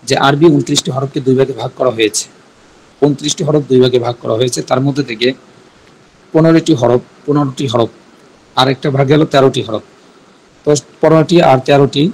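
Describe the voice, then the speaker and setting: A man with a Bangladeshi Bengali accent teaching Arabic grammar in a recorded class, patiently repeating each point slowly. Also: medium pitch, poor audio.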